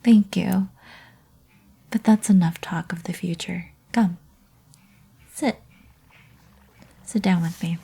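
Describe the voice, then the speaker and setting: Woman acting a young succubus, ASMR role-play, very breathy, slow, intimate, teasing, possessive ASMR sweetheart. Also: on the low side, full character voice. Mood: fond, reassuring. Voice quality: breathy, soft.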